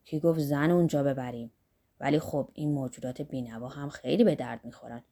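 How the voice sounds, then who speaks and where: A woman's voice: rumbling low, fairly even intonation, mellow, slightly rough, voice pushed down, heavily acted. A woman voicing an earthy, boisterous older workman, blunt and philosophizing, in an audiobook.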